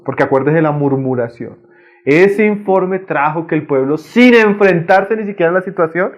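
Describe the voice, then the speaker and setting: A male preacher giving a conversational sermon, often tagging his phrases with a friendly aside and swinging from emphatic raised lines to quiet drops. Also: fairly high pitch, lo-fi sound.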